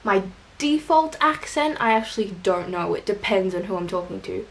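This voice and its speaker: Chatting her way through the questions of a vlog tag video, a young woman with an Australian accent wanders off on tangents and pokes fun at herself. She sounds expressive, with a medium pitch and normal pace.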